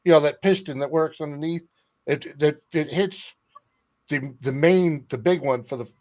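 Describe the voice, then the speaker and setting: A man's voice: on the high side, moderate pace, darkish tone, no echo. A man hosting a casual livestream, rambling along and swearing freely in a dry-sounding space.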